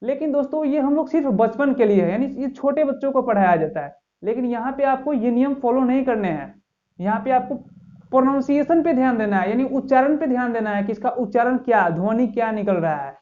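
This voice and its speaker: A man's voice: extremely high pitch, animated, fairly quick. A man hosting a grammar lesson for viewers, explaining step by step and repeatedly asking rhetorical questions of his audience. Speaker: English teacher, channel host. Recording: dull lo-fi recording.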